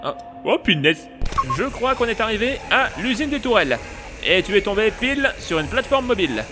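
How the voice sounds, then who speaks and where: A man's voice: high voice, big pitch swings, a little fast. A man voicing a chatty, clumsy male robot sidekick in an eager, jumpy fan dub over game music.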